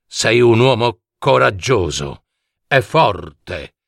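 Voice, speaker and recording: A man voicing a large male lake monster in a storybook tale, speaking in a slow, booming, heavy way. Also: very animated, vocal fry, no room sound, studio quality, exaggerated voice. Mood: weary. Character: big lake monster, male, gruff warrior turned peaceful.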